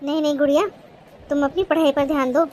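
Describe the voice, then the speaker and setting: A woman's voice: sits high, level tone, fast, warm tone, slight background noise, close to an everyday voice. Woman voicing a strict, caring cartoon sister-in-law. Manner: scolding and bossy, yet affectionate.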